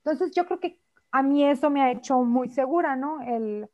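A chatty woman with a Mexican Spanish accent and a high voice, talking casually and acting out little quoted lines as she goes. The audio sounds slightly dull and lo-fi. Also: normal speed, warm tone. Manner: chatty, frequent fillers, mimics quoted speech. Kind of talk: casual chat.

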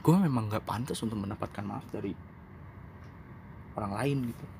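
A young man hosting his own podcast, talking candidly and rambling, now calm, now emphatic and self-mocking. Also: fairly low pitch, moderate pace, creaky, a little hiss or hum. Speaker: podcast host. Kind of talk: casual solo podcast monologue.

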